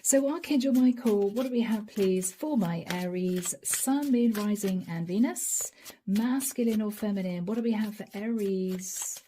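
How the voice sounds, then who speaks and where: A middle-aged tarot reader, unhurried and medium-pitched, gives a channeled reading in a soft, intimate voice that often turns to a whisper, a little hoarse after a long session. The audio is poor, with slight background noise.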